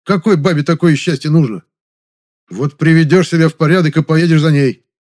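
A male audiobook reader voicing a stern, blunt young man who scolds loudly and shouts. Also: on the high side, lively intonation, fairly quick, voice pushed up. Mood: commanding. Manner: loud, scolding, shouting outbursts. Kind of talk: audiobook reading.

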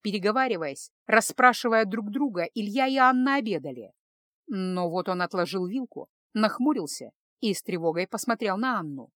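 A woman's voice: mid-range voice, normal speed, dry recording. Woman narrating a romance audiobook, dry close voice. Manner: steady, emotive storytelling.

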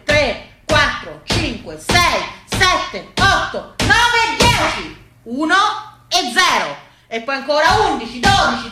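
A Tuscan-accented stage actress and storyteller gives a folksy, emphatic, rhythmic theatrical monologue about rustic family memories. Her voice is on the high side, and the echoey, roomy recording carries heavy background noise.

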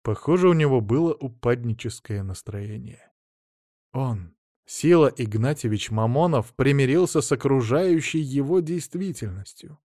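A man's voice: medium pitch, lively intonation, normal speed, mellow, no room sound, clean studio sound. A man narrating a novel as an audiobook, reading expressively.

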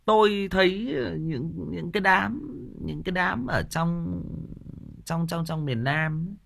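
A man's voice: fairly high pitch, slow, gravelly, fairly bright tone. A man hosting an audiobook livestream in a casual, joking chat, rambling and stumbling over repeated filler words. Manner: jokey and playful, laughs at his own stories. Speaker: audiobook host chatting with listeners.

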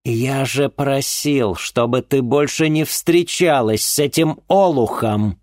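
A man voicing a strict, angry middle-aged father who scolds loudly in an audiobook. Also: mid-range voice, big pitch swings, normal speed, dry recording, clean studio sound, pitched above the performer's own voice. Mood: furious. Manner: loud, growling and scolding. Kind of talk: audiobook character voice.

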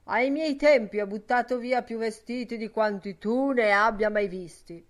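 A woman reading voicing Ben Dollard, a burly, blustering older man with a booming, gruff manner, in an audiobook. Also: big pitch swings, a little slow. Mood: furious.

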